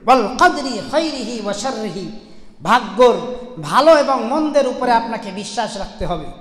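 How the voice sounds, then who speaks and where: A man's voice: very high-pitched, fairly bright tone. A man preaching a Friday sermon in a mosque, emphatic, counting off points and repeating key phrases. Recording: echoey hall with long reverb.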